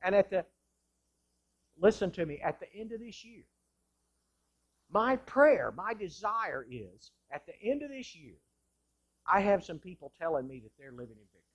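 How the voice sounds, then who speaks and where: A male pastor delivering an impassioned sermon in a church sanctuary, moving between loud bursts and hushed lines. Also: high voice, big pitch swings, moderate pace, long pauses, slightly rough, lo-fi sound.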